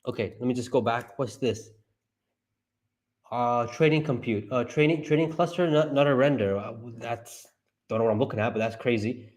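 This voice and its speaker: A man streaming live commentary as he reads through a report, talking to himself and his viewers and breaking into excited high yelps. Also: moderate pace. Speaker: stock market streamer.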